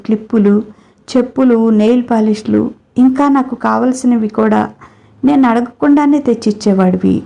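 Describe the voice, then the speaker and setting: Woman doing a hurt, sharp-tongued young bride in a read-aloud story, mellow timbre. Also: medium pitch, vocal fry, close to an everyday voice. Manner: emotional, scolding. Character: young wife, landlord's daughter, hurt and fiery. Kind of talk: storybook character reading.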